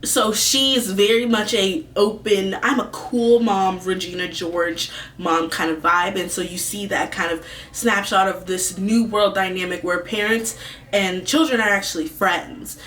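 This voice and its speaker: A woman's voice: mid-range voice, fairly even intonation, a little slow, a bit bright. A woman reviewer giving casual, rambling, informal commentary with some swearing, as host. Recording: distant mic with faint background noise.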